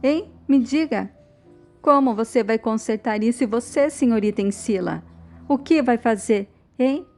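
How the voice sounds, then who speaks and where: A woman's voice: a little high, measured pace, darkish tone, soft background music. A woman voicing a distraught middle-aged mother in a soap recap, bitter and demanding. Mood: accusing. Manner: bitter, demanding, repeated challenges.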